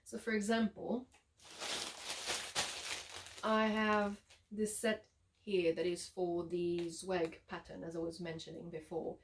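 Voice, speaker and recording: A woman with a French Canadian accent, a yarn dyer giving a relaxed, chatty showcase of her shop's products with frequent ums and uhs. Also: lowish voice, slow, long pauses, a little hiss or hum. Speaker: yarn dyer and shop owner.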